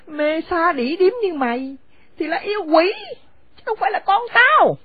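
A woman playing a shrill, furious old mother-in-law. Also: very animated, moderate pace. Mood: furious scolding. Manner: screaming insults, shrill and scornful. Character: furious elderly mother-in-law, harsh and domineering. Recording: dry, phone-like narrow sound.

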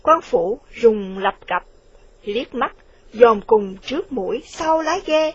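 A woman reading a novel aloud in a plain, slightly halting manner. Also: on the high side, lively intonation, husky. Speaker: narrator. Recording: dull lo-fi recording.

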